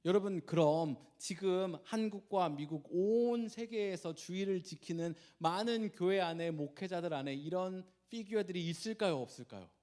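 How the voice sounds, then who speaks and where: A male pastor preaching a sermon, animated and asking the congregation questions. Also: high-pitched, normal speed, few pauses.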